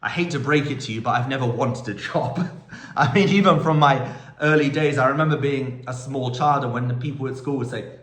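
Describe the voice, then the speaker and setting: Talking a little fast in a medium-pitched, somewhat bright voice, a man in his 30s from the UK discusses language learning. He runs a language school and vlogs as a polyglot, and his casual, enthusiastic Q&A monologue drifts into tangents. The room is echoey.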